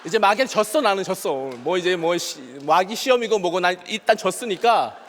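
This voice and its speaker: A man's voice: high-pitched, lively intonation, brisk, fairly bright tone, slight background noise. A male pastor preaching a sermon, telling a personal story and acting out his own past dialogue. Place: church sanctuary. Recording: long church hall reverb.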